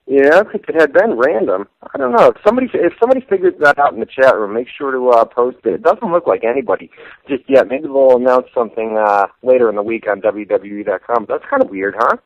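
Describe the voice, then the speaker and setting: A man's voice: mid-range voice, lively intonation, fast, dry recording, lo-fi sound. A man hosting a casual wrestling talk radio show, chatty and loose, swearing offhandedly.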